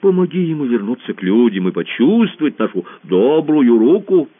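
A man's voice: medium pitch, sing-song, normal speed, dry recording, pitched above the performer's own voice. A man playing a sly, falsely sweet emperor. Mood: mock sweet. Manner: falsely sweet, then hissing. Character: sly cruel smooth-talking male alien emperor. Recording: tinny phone-like radio audio.

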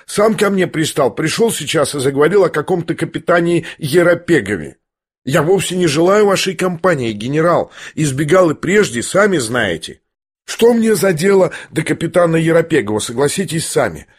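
A man's voice: medium pitch, very animated, moderate pace, few pauses. A man voicing a sickly young man who talks in a needling, mocking tone. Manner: sneering, needling.

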